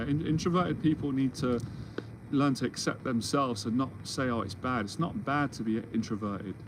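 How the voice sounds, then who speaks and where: Casting: man, 40s, mentor type, rambling reassuring monologue, mid pitch, audible background noise. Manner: rambling, restarts often, reassuring. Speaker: confidence mentor. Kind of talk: solo Q&A monologue. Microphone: livestream or video call setup.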